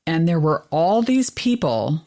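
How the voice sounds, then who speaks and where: Woman, podcast co-host, casual and animated storyteller. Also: a little slow. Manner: animated storyteller, rises in pitch when exasperated. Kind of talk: casual chat.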